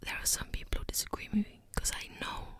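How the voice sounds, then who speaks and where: A woman whispering breathily in a casual ASMR ramble, very close to the microphone at the ear, often repeating words. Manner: slow, gentle pacing with repeated words. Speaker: ASMR content creator.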